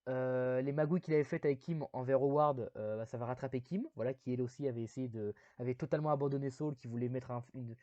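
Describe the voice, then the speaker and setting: A man's voice: medium pitch, fast talker, hardly any pauses, mellow, no room sound, highs cut off. A man giving a casual spoken video review, rambling with many fillers and self-deprecating asides.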